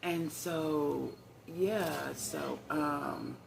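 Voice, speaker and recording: A woman's voice: sits low, steady tone, drawn-out words, creaky, background noise. An older woman, chatting to her viewers in a rambling storytime vlog recorded on her phone. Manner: rambling, conversational, addresses viewers as y'all. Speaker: vlogger.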